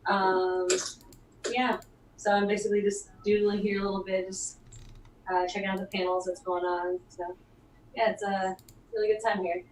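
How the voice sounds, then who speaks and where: A woman's voice: mid-range voice, normal speed. A woman artist chatting casually while she draws, with many ums, her voice's volume dipping and jumping unevenly. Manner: relaxed, rambling, many ums. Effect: uneven volume that keeps dipping and jumping. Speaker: artist drawing live on a convention stream. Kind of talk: casual chat. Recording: echoey distant remote stream with background noise and keyboard clicks.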